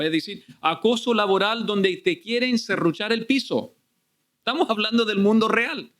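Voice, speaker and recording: A male preacher delivers an expository sermon to his church. His voice sits high. He keeps turning to the congregation with rhetorical questions. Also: fairly bright tone.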